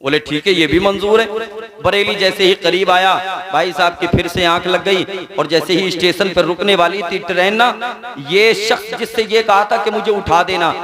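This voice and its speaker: A man's voice: sits high, steady tone, normal speed. A man with a Rampur accent, a preacher telling a story in a sermon and acting out its dialogue, in front of a live audience. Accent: Rampur, Uttar Pradesh. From India. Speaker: Islamic preacher. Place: gathering before a live audience. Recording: live audience crowd noise. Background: audience laughing.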